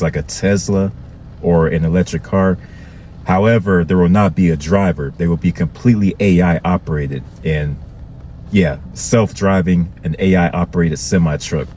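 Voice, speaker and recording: Male vlogger, very deep, conversational commentary, faint background noise. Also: mellow. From Florida. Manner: conversational, repetitive, addresses viewers with "okay". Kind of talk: casual commentary to viewers.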